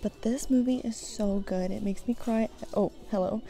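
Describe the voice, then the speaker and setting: Woman book vlogger, casual and giggly, with a gravelly edge and mid-range pitch. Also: moderate pace, warm tone. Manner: chatty, giggly, musing half to herself. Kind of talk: casual chat while browsing. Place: indoors in a thrift store.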